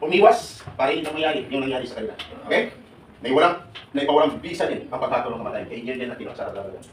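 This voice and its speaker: Older man, 70s, live seminar speaker, quick and joking, echoey hall recording. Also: mid-range voice, distant mic, slight background noise. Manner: animated, joking, questioning the audience. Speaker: OFW advocate speaking to workers. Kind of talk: live seminar talk to a crowd. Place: large hall with an audience.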